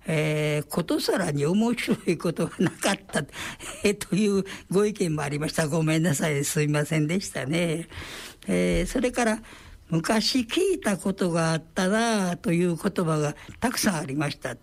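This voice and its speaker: Reading out letters from listeners, an older radio host with a Kansai accent chats alone on air at a relaxed pace, warm and friendly. His pitch is a little high.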